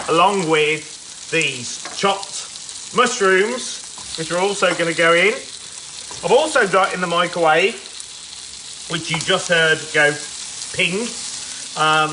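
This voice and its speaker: A man's voice: on the high side, noisy background. A man cooking live in his city apartment, chatting in a rambling, casual way, sounding a little stuffy and nasal. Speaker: home cook livestreaming. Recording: sizzling pan behind the voice. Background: food frying in a pan.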